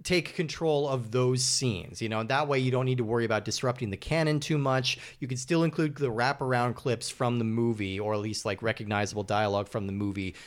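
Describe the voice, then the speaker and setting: A man's voice: mid-range voice, fairly quick, hardly any pauses. A man in the middle of the male range, co-hosting a podcast. He lays things out at length in an explanatory way and steers the discussion. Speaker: podcast co-host.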